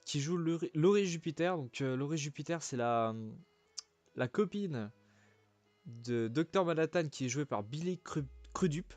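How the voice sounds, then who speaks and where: A man's voice: medium pitch, darkish tone, dry recording. Casual French man with many hesitant fillers. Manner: chatty, informal slang. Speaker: film reviewer. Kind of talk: casual spoken film review.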